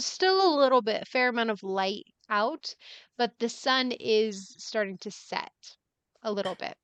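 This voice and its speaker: A woman narrating as dungeon master on a tabletop game stream, halting with fillers and frequent laughs. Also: fairly high pitch, sharp tone, clean tone, no room sound, muffled recording.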